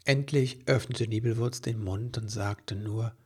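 A man reading a children's story aloud, lively and doing voices for the characters. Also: medium pitch, measured pace, husky. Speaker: narrator.

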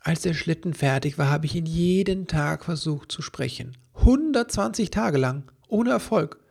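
Storybook role: clever female elf tinkerer, read by a man, earnest and explaining, rough-edged voice. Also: a little high, animated, normal speed, a little mellow, pitched above the performer's own voice, heavily acted. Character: clever, quick-tempered female elf inventor.

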